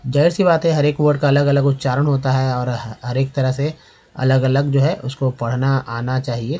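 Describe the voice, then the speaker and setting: A man giving a spoken lesson on reading English, explaining slowly with many fillers and repetitions. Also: mid-range voice, dark tone, muffled recording. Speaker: English teacher.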